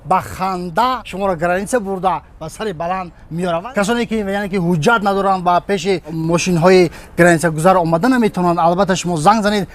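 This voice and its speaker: A man reading a loud, formal, rousing advertisement between scenes of a dubbed film. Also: sits high. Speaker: announcer of a phone service ad.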